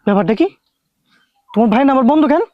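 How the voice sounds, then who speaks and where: Fast, high-pitched, fretful husband. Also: male voice, expressive, highs cut off. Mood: agitated. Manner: repetitive, agitated, colloquial. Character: anxious, fretful married man, impatient son. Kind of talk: Bengali family TV drama acting.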